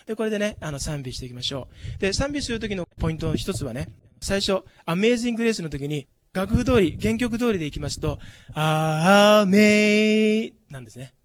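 Middle-aged church worship leader, high voice, dry close sound; patient, polite rehearsal coach. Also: male voice, no room sound. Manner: polite, patient, repeats phrases to model pronunciation. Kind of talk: choir rehearsal instruction.

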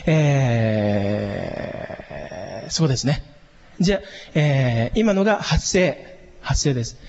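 A man's voice: mid-range voice, lively intonation, slow pace, gravelly, darkish tone, in a large hall, highs cut off. A man teaching a voice and diction lesson as a vocal coach for church worship singing. He explains each step patiently and breaks into sung vowel demonstrations.

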